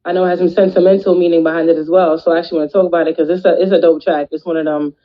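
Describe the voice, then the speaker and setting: Female magazine interviewer; brisk, encouraging, slangy; lo-fi muffled recording. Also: lowish voice, little pitch movement. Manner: upbeat, encouraging, with frequent "dope" and "mm-hmm". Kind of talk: casual interview. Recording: dull, lo-fi audio.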